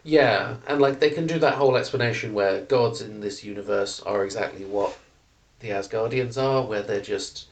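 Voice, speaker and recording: A man's voice: fairly low pitch, normal speed, distant mic. A man co-hosting a casual podcast, opinionated and laughing often as he chats. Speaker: podcast co-host. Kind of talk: casual chat.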